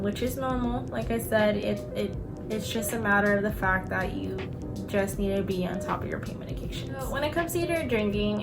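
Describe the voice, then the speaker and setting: Casual woman vlogger over background music. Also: mid-range voice. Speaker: vlogger, dental assistant. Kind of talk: casual chatty advice vlog. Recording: music playing behind the voice. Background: clear background music.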